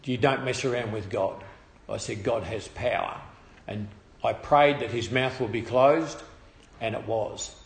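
An Australian man telling a personal testimony story in a halting way, with restarts and trailing phrases. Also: mid-range voice, vocal fry, reverberant.

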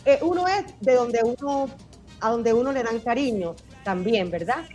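A talkative woman with an eastern Cuban accent, her voice sitting a little high for a woman. She chats expressively through a radio interview and breaks into laughter often. Soft music plays faintly behind her. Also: animated, normal speed, muffled recording. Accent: eastern Cuban Spanish. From eastern Cuba. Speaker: singer, interview guest. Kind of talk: casual radio interview chat.

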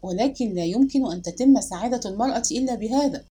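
A woman's voice: a little high, quick pace, dark tone, breathy edge. A woman reading as an anxious, pleading young husband. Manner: earnest, pleading.

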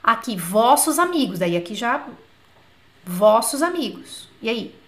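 A woman teaching French in a live online class, chatty, asking questions and dictating words slowly. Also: on the high side, sing-song, a bit bright. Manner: slow, drawn-out dictation of example words.

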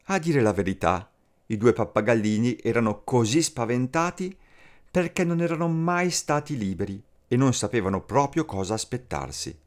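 A man reading a fairy tale aloud as a storyteller, slow and expressive. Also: mid-range voice. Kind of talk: scripted fairy tale narration.

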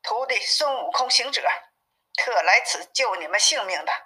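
A woman's voice: medium pitch, lively intonation, normal speed, bright, forceful tone. Woman reading as a cheeky boastful monkey king. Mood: teasing. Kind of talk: storybook reading. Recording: narrow phone-like sound.

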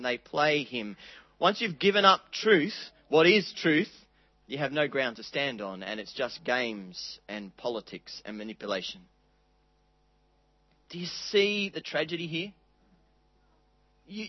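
A man preaching a sermon, earnest and dramatic, reading scripture aloud with quiet pauses. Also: fairly high pitch, no room sound, dull audio.

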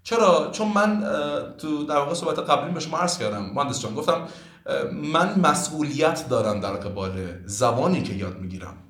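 A man's voice: fairly high pitch, animated, fairly bright tone, roomy sound. A man from Iran who teaches languages, giving earnest, lecturing answers in a podcast interview, with many fillers.

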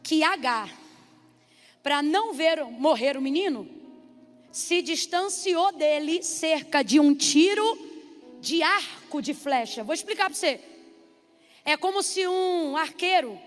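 A woman's voice: sits high, lively intonation, slow pace, long pauses. A woman pastor preaching a sermon, stretching her words for emphasis and calling out for responses from the congregation. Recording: long hall reverb with faint music.

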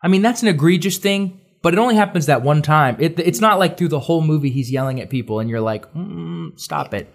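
Animated man in casual chat. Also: fairly high pitch, quick pace, few pauses. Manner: animated, acts out quotes.

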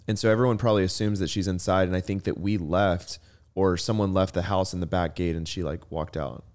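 Man, podcast co-host, calm casual talk, lower-pitched. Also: a little fast. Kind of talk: casual chat.

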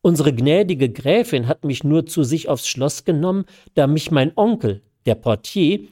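A man's voice: fairly high pitch, animated, normal speed, dark tone. A man with a scratchy throat voicing a cheerful, tender young woman in a read-aloud story, in a lifted, lilting voice.

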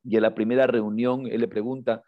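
A man co-hosting a podcast, retelling a story in a casual, halting way, often repeating words and lifting his voice when he quotes someone. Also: medium pitch, level tone, no echo, narrow, tinny audio. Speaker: podcast co-host.

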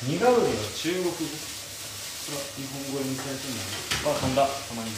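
Young male stream host, chatty, reads comments aloud; echoey kitchen, pan frying loudly. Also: medium pitch, lively intonation, a little fast, heavy background noise. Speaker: live-stream radio host. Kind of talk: casual chat while cooking. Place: home kitchen, indoors. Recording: roomy kitchen with loud frying sizzle.

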